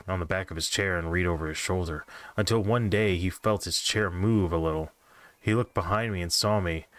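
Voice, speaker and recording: A man reading a creepypasta as the quiet ghost of a boy, speaking softly and apologetically. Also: on the low side, dry recording, lightly acted. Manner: soft, apologetic, creepy calm.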